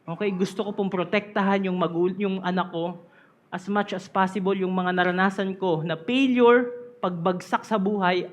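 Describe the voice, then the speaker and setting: A pastor in his thirties preaching a sermon in a church hall, switching between Tagalog and English, often asking the congregation questions and rising to loud emphasis. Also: high-pitched. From Philippines.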